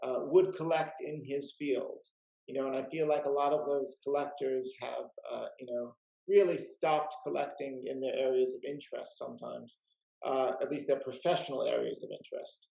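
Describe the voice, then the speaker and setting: A man's voice: medium pitch, steady tone, moderate pace, gravelly, dark tone, roomy sound, poor audio. A man hosting a casual video-call chat about rare books, talking in a chatty way full of "uh" and "you know". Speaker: rare book dealer and host.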